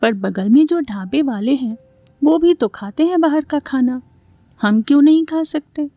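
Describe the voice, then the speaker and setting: A woman voicing an eager, dreamy young daughter-in-law who speaks with excitement. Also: high voice, measured pace, no room sound, dull audio. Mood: defensive.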